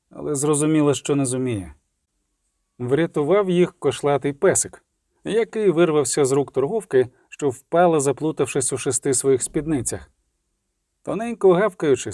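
Brief: steady male storybook narrator, warm tone, dry close sound. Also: a little high, no room sound. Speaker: audiobook narrator.

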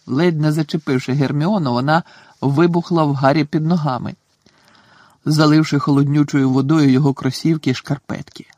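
A man's voice: a little high, a little mellow, dry recording. Man narrating a storybook. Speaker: audiobook narrator.

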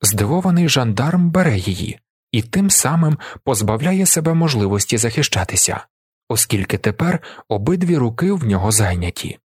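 A man narrating a first-person audiobook in a husky voice. His pitch moves a lot and the reading is expressive. The sound is close and dry, with no room echo. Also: normal speed. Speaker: audiobook reader.

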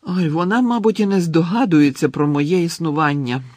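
A gloomy, lovestruck teenage boy sighs and pleads as if the world is ending, as a man reading the storybook puts him on. The voice sits a little raised and pushed, with a husky grain. It is recorded dry and close. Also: a little high, expressive, a little slow, dry recording. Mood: anguished. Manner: sighing, anguished pleading.

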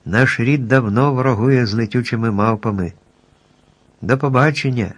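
A man voicing a small, dignified mouse queen who speaks with stately calm in a storybook reading. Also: medium pitch, normal speed, slightly rough, natural voice.

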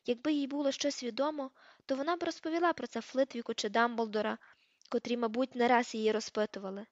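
Woman audiobook reader, higher voice, steady narration, dry dull lo-fi recording. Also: fast, no room sound.

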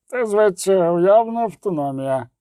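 A man's voice: high-pitched, lively intonation, unhurried, mellow, dry recording, voice pushed up. A man voicing a boastful, know-it-all young male outlaw in an audiobook.

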